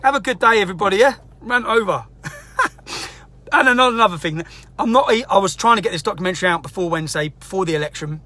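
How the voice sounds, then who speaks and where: A man's voice: high voice, lively intonation, fast, sharp tone. An angry man ranting straight to camera as a political activist, sweary and combative, hammering his points again and again. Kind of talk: angry direct-to-camera rant.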